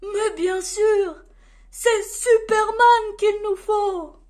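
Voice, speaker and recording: A woman voicing a flustered older male Santa in a children's storybook reading, loud and exclaiming. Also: very high voice, flat delivery, takes it slowly, pitched above the performer's own voice. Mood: excited. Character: flustered old male Santa, boss of the stable.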